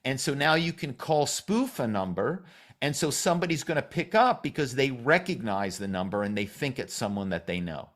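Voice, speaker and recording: Animated middle-aged man telling stories. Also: medium pitch, moderate pace. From Philadelphia. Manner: animated storyteller, acts out quoted voices. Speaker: podcast guest, author and former corporate spy. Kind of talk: storytelling interview.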